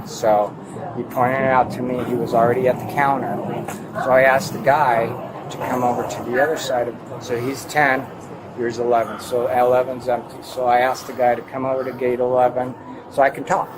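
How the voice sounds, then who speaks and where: Halting male witness, noisy bodycam audio. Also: little pitch movement. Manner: halting, rambling, acts out his own quoted words. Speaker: airport airline worker giving a witness account. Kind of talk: recounting an incident to police. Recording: noisy body camera audio, vehicle rumble.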